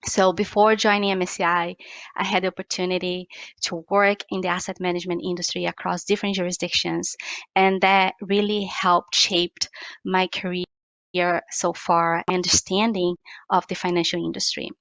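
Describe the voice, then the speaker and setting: A woman from Brazil introducing herself on a panel in an earnest, measured way over a video call. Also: lowish voice, little pitch movement, fairly bright tone, dry recording. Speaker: panelist, ESG researcher.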